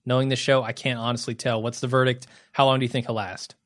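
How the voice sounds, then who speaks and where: A man's voice: mid-range voice, little pitch movement, fast, no room sound, clean studio sound. A man co-hosting a podcast, reading out listener emails in easygoing casual chat and moving the talk along.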